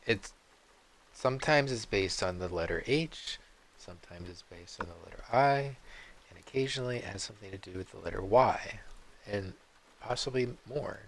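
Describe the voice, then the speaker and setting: A man streaming a game, rambling off on tangents and often clearing his throat. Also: on the low side, moderate pace. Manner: meandering, digressive, frequent throat clearing. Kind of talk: rambling live-stream commentary.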